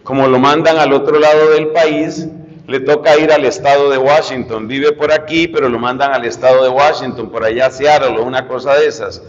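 A man's voice: mid-range voice, fairly even intonation, normal speed, lo-fi sound. Man preaching in a reverberant hall. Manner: repeats key phrases, addresses listeners directly. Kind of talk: sermon. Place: church retreat hall.

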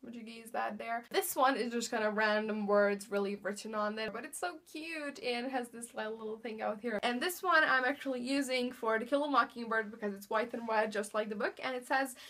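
Speaking a little high, fairly quickly and a bit brightly with hardly a pause, this young Bosnian-accented woman vlogs casually about her latest books. Bookshelves stand behind her in an indoor room at home, and she talks into the camera facing her. Her tone is cheerful and chatty, sprinkled with fillers and "really."

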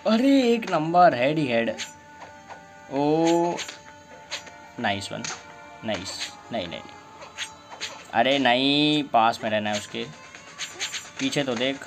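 Man, gameplay commentary, excitable, yelps at the screen, unhurried delivery, loud game music behind. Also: medium pitch. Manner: excitable, shouts and groans at the game. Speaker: gaming YouTuber.

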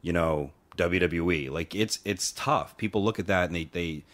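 A man's voice: low voice, normal speed, fairly bright tone. A man co-hosting a podcast, chatting in a laid-back way full of fillers. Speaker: podcast co-host. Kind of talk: casual podcast chat.

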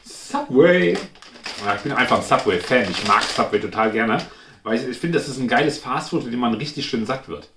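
In a casual taste-test review of snacks, a male food review host muses aloud in front of a glass cabinet at home. His medium-pitched voice is expressive and brisk. The room echoes, and background noise is clearly audible.

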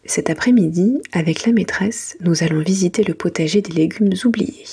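A woman reading a children's picture book in a soft, gentle whisper, as ASMR for bedtime. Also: on the low side, normal speed, a little hiss or hum. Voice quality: breathy, mostly whispered soft voice.

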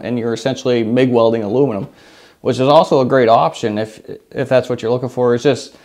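Male, 30s, workshop vlog host; relaxed rambling delivery, lapel mic in a home shop. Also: mid-range voice. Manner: relaxed, rambling with many fillers. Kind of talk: casual talk to camera.

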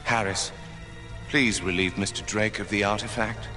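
An actor playing a suave, menacing villain in a video game, speaking with dry, mocking politeness. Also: male voice, on the low side, steady tone, normal speed, over music, natural voice. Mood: smug menace. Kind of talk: video game cinematic acting.

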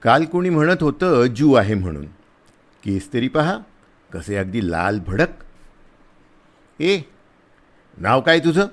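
A man playing a big, rough soldier who is blustering but kind, talking loudly in a scolding, teasing way. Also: medium pitch, sing-song, slow pace, pauses often.

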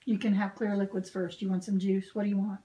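A woman chats in a practical, cautioning caregiver's way, with a mid-pitched voice. The home phone recording has faint noise and some clicks behind her. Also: level tone, fast, mellow. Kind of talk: casual chat. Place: small bedroom. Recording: noisy handheld home phone video.

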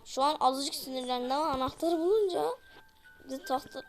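Soft music plays behind a woman speaking briskly in a high voice. She's a gaming host doing a horror let's play, jumpy and yelping at every scare while keeping up a conversation with her audience.

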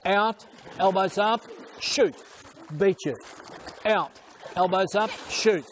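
Older male swim coach, high projected voice. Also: slow pace. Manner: short repeated instructions, counting, projecting across the pool. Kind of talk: swim coach calling out drills and counts to a squad. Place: large indoor swimming pool. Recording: noisy indoor pool, splashing ambience.

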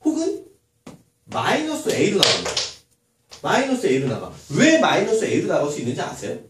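Male math teacher, animated classroom delivery with constant rhetorical questions; distant mic, room echo. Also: high-pitched, moderate pace. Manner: lively, asks many rhetorical questions. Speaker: middle school math teacher. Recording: echoey room, far from mic, faint noise.

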